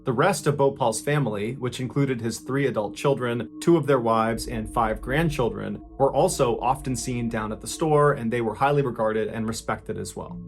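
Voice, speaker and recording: Male podcast narrator, middle pitch, dramatic suspense delivery, soft music bed. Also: moderate pace, hardly any pauses. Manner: suspenseful, swells louder at tense moments and drops low at grim ones. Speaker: podcast host and storyteller. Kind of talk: dramatic true-crime narration.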